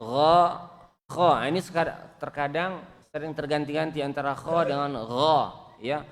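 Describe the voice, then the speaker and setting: Man, recitation teacher, slow deliberate drilling, fairly high voice, long hall reverb. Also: fairly even intonation. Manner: corrects pronunciation, repeats syllables slowly for students to copy.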